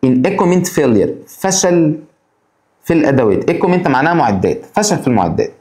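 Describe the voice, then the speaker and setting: Lively Egyptian man teaching English vocabulary. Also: a little high, roomy sound. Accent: Egyptian Arabic. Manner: addresses students directly with quick rhetorical questions. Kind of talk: exam-prep lesson explaining vocabulary.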